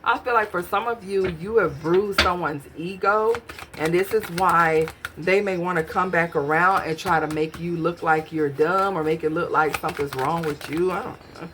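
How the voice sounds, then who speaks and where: A lowish-voiced woman, moderately paced, is heard over a noisy background. She does an informal tarot reading, musing to herself and questioning the cards one by one as she pulls them.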